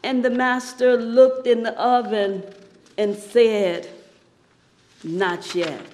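A woman preacher tells a sermon story with a high voice and an unhurried pace. She swings between hushed passages and loud, dramatic peaks. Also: fairly even intonation.

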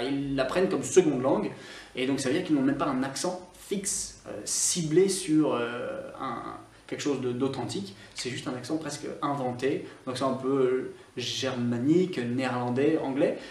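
A man's voice: fairly high pitch, echoey room, recorded from a distance. A Scottish man who teaches English online, ranting to camera in a teasing, mock-serious way with lots of fillers and restarts. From Scotland. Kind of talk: opinionated vlog to camera.

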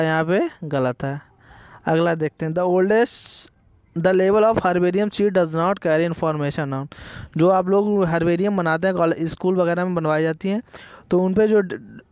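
A man teaching a biology exam-prep lesson. He works through multiple-choice questions step by step, asking and answering his own questions, and reads the English questions aloud slowly. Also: high-pitched, clean tone, no echo.

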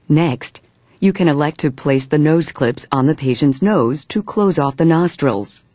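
A man reading scripted instructional narration in a measured, step-by-step manner. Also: medium pitch, darkish tone, no room sound.

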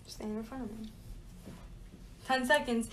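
A woman's voice: a little high, steady tone, a little slow, a bit bright, poor audio. A young woman talking in a playful, casual way for a challenge video, giggly and teasing.

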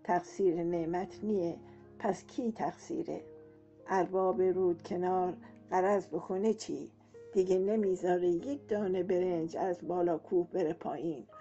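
A woman's voice: fairly low pitch, steady tone, dark tone, lightly acted. Woman putting on a gossipy old grandmother. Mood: complaining. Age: older. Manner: complaining, nagging, talkative. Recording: dull lo-fi audio with faint music.

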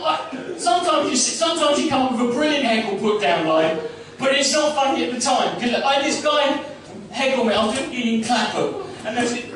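Brash high-voiced comedian on an echoey stage. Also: male voice, animated, a little fast, a bit bright, slight background noise. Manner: brash, profane, self-mocking. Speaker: stand-up comedian. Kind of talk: stand-up routine. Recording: echoey live room from far off, crowd. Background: audience laughter.

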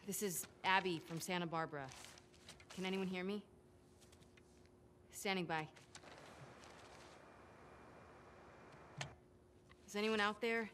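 A woman's voice: mid-range voice, moderate pace, a bit bright, a little hiss or hum, natural voice. An actress with an American accent playing a determined young woman survivor in a video game, speaking in an earnest, clipped way. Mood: focused. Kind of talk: video game drama acting.

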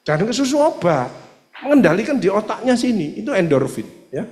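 A man with an East Javanese accent, a doctor giving an animated religious health seminar talk, acting out dialogues. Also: high voice, a little fast. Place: seminar hall. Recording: echoey hall reverb.

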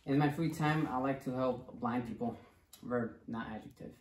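A man's voice: medium pitch, normal speed, a little mellow. A young man casually telling dad jokes, each with a setup and a short punchline. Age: young adult. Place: small indoor room, seated at table. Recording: roomy echo, faint background noise.

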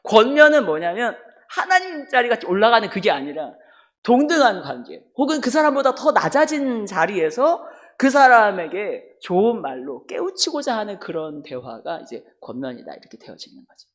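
Animated Korean woman pastor preaching. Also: medium pitch, moderate pace. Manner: animated storytelling, acts out quoted dialogue. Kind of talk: sermon with personal story.

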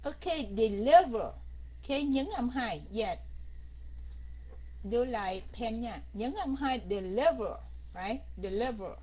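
Brief: woman English teacher, a bit high and husky, keeps prodding the class with questions; lo-fi online audio. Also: slow pace, long pauses. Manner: coaxing, keeps quizzing students, mixes in English. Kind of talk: online grammar lesson.

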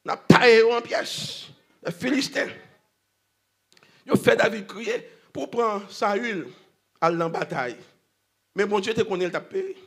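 A man preaching a sermon at a church convention, swinging between shouting and hushed storytelling. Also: high-pitched, a little slow, pauses often.

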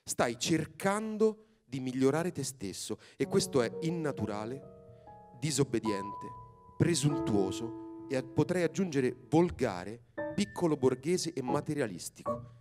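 A man's voice: mid-range voice, animated, a little slow, natural voice. A man voicing a pompous, grumpy old ape-man uncle who lectures with contempt, in a live reading with music. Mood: scornful. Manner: scornful, thundering, lecturing.

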